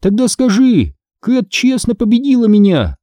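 A man doing a bright, bossy young girl. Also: sits high, sing-song, moderate pace, dry recording, clean studio sound, voice pushed up. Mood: excited. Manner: eager, exclamatory. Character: excited young girl, bossy older sister.

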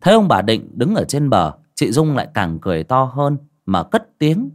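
Expressive male horror storyteller. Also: medium pitch, normal speed. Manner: dramatic storytelling. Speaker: narrator.

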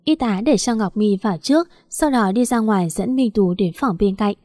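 A woman narrating an audiobook story in smooth, steady storytelling. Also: medium pitch, moderate pace, no echo, studio quality.

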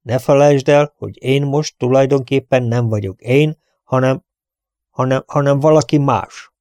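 A man's voice: medium pitch, steady tone, mellow, dry recording, studio quality, voice pushed up, natural voice. A man voicing a cheerful, dignified prince who turns mock-stern. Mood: jovial. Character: jovial, dignified, scheming male prince.

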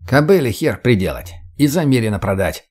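Brief: swaggering, swearing, slow-witted fighter in an audiobook, man reading him, everyday voice. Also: mid-range voice, sing-song, darkish tone, husky. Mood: crude. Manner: foul-mouthed, smirking.

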